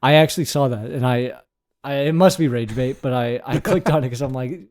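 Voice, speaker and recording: A man's voice: medium pitch, a little fast, darkish tone. A man co-hosting a podcast, chatting casually with laid-back, easygoing replies. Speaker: podcast co-host.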